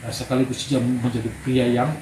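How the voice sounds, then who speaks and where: This man's sermon at a men's gathering is lively storytelling punctuated by calls for amen. His mid-range voice moves fairly quickly, captured in an echoey room with background noise.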